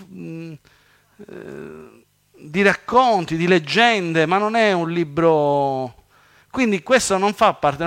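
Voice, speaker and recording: A man preaching a sermon, swinging between loud raised quotations and low quick asides. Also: clean tone. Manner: animated, rises loud on scripture quotes, then drops to asides.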